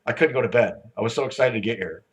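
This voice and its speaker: A man's voice: mid-range voice, quick pace, breathy edge, rough recording. A man emceeing a conference on stage, telling rambling jokes before introducing the next speaker. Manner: joking, rambling storyteller.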